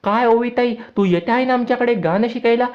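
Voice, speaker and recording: A serial recap narrator voicing an eager young boy in a raised, childlike pitch, on dull lo-fi audio. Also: fairly quick, close to an everyday voice. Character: excited young boy Abir, eager and reassuring.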